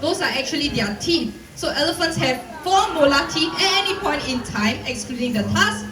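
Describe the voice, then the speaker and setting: A woman's voice: sits high, lively intonation, moderate pace, distant mic. A cheery, playful woman with a Singaporean accent, presenting a live zookeeper talk to an audience and coaxing them to join in. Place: open-air covered viewing stand at zoo. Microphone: handheld PA mic, filmed from audience. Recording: echoey PA speakers, recorded from afar, music behind.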